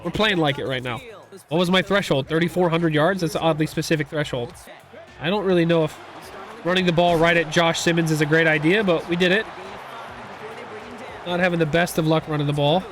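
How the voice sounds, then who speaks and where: A young man giving casual, excitable commentary while playing a football video game, rambling and reacting loudly to big plays. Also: on the high side, fairly quick, pauses often, soft background music. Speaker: gaming YouTuber.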